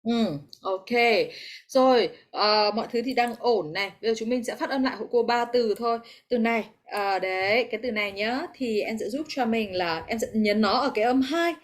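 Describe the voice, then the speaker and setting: A woman English teacher with a Vietnamese accent leads an online class over a video call. Her voice sits fairly high. She explains step by step and encourages her students, mixing English terms into her explanations. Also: moderate pace.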